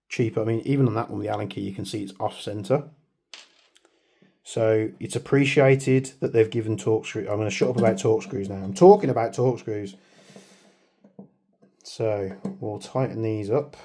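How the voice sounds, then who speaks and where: Here an airsoft video maker from the United Kingdom gives a rambling, chatty hands-on product review, cracking self-deprecating jokes about his waffling. His voice is on the low side, dark in tone, with a breathy edge.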